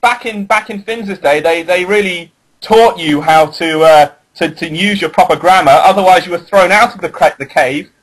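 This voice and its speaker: A man's voice: sits high, normal speed, low-quality recording. A man on a casual radio chat, wry and mock-serious in his joking.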